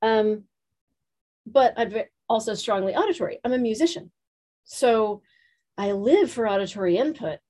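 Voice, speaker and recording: Lady teaching a room full of people, fast and animated, asks the group stuff. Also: a little high. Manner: animated and quick-talking, asks the room questions. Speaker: workshop teacher.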